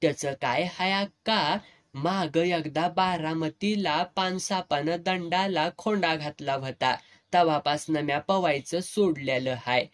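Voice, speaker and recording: Man reading as a shy, scared village boy, slightly high voice, storybook. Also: measured pace, close to an everyday voice. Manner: timid, explaining. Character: timid village boy afraid of water.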